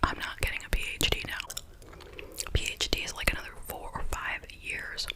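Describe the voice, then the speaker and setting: A woman whispers in a soft, breathy ASMR style. She chats casually and rambles like a host answering viewers, with tingly gum-chewing mouth sounds between and under her words. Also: moderate pace.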